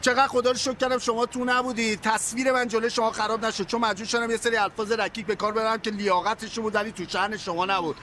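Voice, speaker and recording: High-pitched, bright-voiced flatterer. Fawning, boastful, turns tough in a flash. Comedy series. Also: male voice, hardly any pauses, slight background noise. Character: boastful, ingratiating man who talks big. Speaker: friend pleading with a moneylender.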